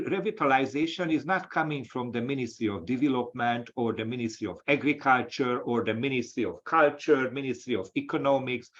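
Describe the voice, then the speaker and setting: A man from Hungary with a Hungarian accent, an associate professor giving a lecture-style webinar talk, speaking haltingly with many restarts over a video call. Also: mid-range voice, a bit bright. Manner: halting, with frequent restarts and fillers. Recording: dull, lo-fi audio.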